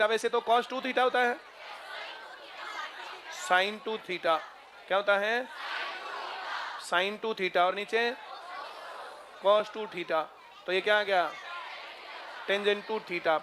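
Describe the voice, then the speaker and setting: A man's voice: high-pitched, fairly even intonation, takes it slowly, long pauses. A male math teacher lecturing a classroom, constantly asking students if they understood. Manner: drills students with repeated checking questions. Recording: noisy classroom with crowd murmur.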